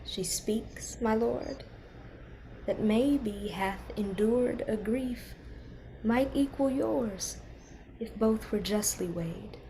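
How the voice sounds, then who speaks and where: An orphaned young maiden of noble birth. Her voice is on the high side, and she delivers classical stage verse slowly, with guarded, earnest sorrow. A light noise sits behind her. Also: gravelly, dark tone, full character voice, poor audio. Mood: quiet sorrow. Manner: earnest, measured, formal.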